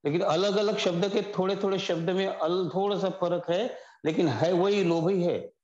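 A man giving a Buddhist dharma talk, slowly explaining old verses word by word and repeating each gloss. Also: high-pitched, fairly even intonation, a little mellow. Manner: slow, deliberate explaining, repeating and glossing words. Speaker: Buddhist teacher. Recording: echoey dull hall recording.

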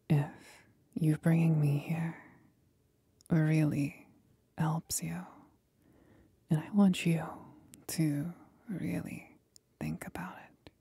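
The woman's demon companion is sly and condescending, delivered as a slow, teasing, husky whisper full of breath in an ASMR roleplay. Pitched low with a dark tone, the exaggerated performance is a dry, studio-quality recording, and it feels teasing and patronising.

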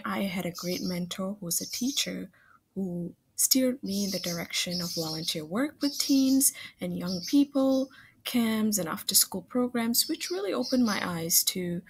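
A woman from Singapore with a gravelly, somewhat breathy voice introduces herself as a school counselor. She speaks in a friendly, conversational way, with occasional fillers. She records over a slideshow on a laptop webcam at home. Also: medium pitch. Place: home room, webcam in corner of screen share.

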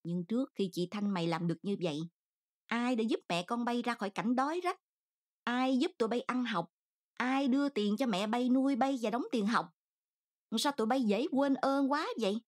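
A woman's voice: on the high side, normal speed, pitched above the performer's own voice, natural voice. Woman voicing a harsh scolding aunt. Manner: harsh, reproachful.

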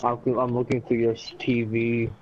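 A man's voice: medium pitch, monotone, unhurried, a little mellow, muffled recording, faint music behind. A man with a French accent, a native French speaker, chatting casually and jokingly in non-native English over a game. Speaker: gamer.

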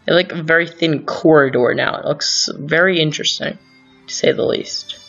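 A man's voice: a little high, moderate pace, creaky, a bit bright. Man rambling through strategy game commentary. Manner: rambling, thinks aloud with fillers and self-corrections. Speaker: gaming channel host. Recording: dull lo-fi sound, faint music.

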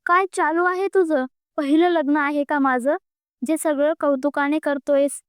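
A woman's voice: high-pitched, little pitch movement, normal speed, no room sound, natural voice. A woman voicing an angry young man, a reluctant groom, speaking in a heated, accusing way during a storybook reading. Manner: heated, accusing, close to tears.

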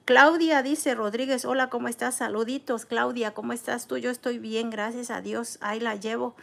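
Gravelly-voiced woman chatting on a livestream. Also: on the high side, steady tone, moderate pace. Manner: warm, consoling, reads viewer names aloud; eats soup between comments. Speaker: livestream host. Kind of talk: casual live chat reading comments.

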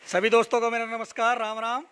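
A young man from Haryana, India, touring a buffalo shed at night and chatting as a dairy vlogger. He repeats numbers and names back and fills pauses with "a". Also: extremely high pitch, completely flat delivery, pushed and bright, slight background noise. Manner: repeats figures and names back, many "a" fillers. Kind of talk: casual walk-around video with interview.

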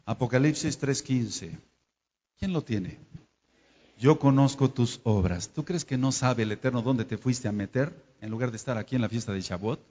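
A man's voice: mid-range voice, normal speed, a little mellow. A man preaching a Torah study sermon, scolding and speaking straight to his listeners, and stopping to spell out and explain Hebrew terms. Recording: dull lo-fi sound in a reverberant hall.

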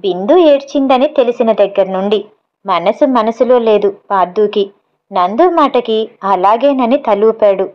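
A woman reading a story aloud as storyteller, in a steady, even manner. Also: mid-range voice, moderate pace, muffled recording.

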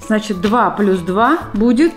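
A woman's voice: mid-range voice, lively intonation, unhurried, soft background music. A woman in her thirties, playful and encouraging, chatting with her daughter in a casual family vlog at home. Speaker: mom and vlog co-host. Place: home, indoors.

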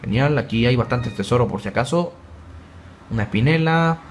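Young male gaming host, chatty and excitable, average pitch, faint background hiss. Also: normal speed. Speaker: gaming YouTuber. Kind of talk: let's play commentary.

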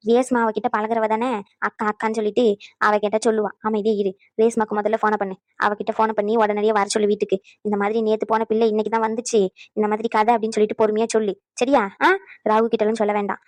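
A woman's voice: on the high side, no echo, close to an everyday voice. A woman voicing a stern, bossy older mother-in-law in a cartoon who scolds and gives orders. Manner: scolding, commanding, sarcastic. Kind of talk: cartoon voice acting.

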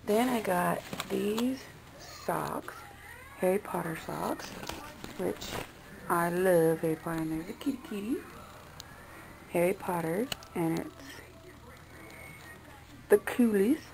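A woman's voice: lowish voice, slow pace, gravelly, long pauses, noisy background. A woman vlogger talking loosely and chattily as she shows off her gifts, recorded on a phone. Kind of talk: casual haul vlog.

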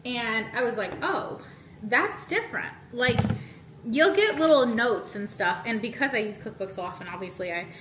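A woman's voice: on the high side, moderate pace, reverberant. A woman in her thirties chatting casually as a vlogger in her home kitchen while she cooks, laughing often. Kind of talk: casual vlog chat. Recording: noisy kitchen with sizzling pan.

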